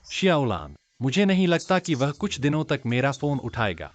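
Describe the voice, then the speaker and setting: A man's voice: medium pitch, sing-song, moderate pace, muffled recording, close to an everyday voice. A man dubbing a brash, teasing young man in a TV drama, the friend of the lead. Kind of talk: Hindi dub of a TV drama.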